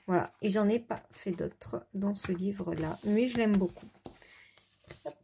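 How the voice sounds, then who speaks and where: A woman casually showing her coloring books, rambling with fillers and quick self-corrections. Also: mid-range voice, creaky, dark tone, slight background noise. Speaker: adult coloring hobbyist. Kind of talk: casual show-and-tell.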